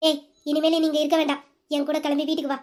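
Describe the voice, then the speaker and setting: A woman voicing a firm, protective elder sister who gives steady, commanding instructions in an audio drama. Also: high-pitched, fast talker, voice pushed down, close to an everyday voice.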